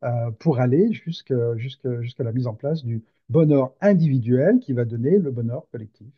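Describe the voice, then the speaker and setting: A man speaking as a guest in a panel discussion, halting and repeating words as he goes. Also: medium pitch, animated, breathy edge, muffled recording.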